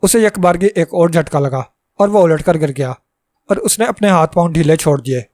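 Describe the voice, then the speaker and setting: A man narrating a fantasy story as a storyteller, in a steady, dramatic reading. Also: on the high side, no room sound, clean studio sound.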